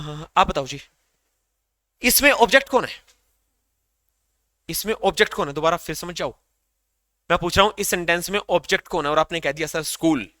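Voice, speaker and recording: A man's voice: high-pitched, bright, forceful tone, no room sound, studio quality. A man teaching an English grammar class to students, asking questions and repeating the answers back.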